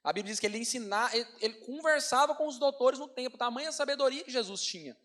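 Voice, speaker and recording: High, fast-talking Brazilian preacher. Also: male voice. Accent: Brazilian Portuguese. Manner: animated, addresses congregation as brothers. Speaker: pastor. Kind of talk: storytelling sermon.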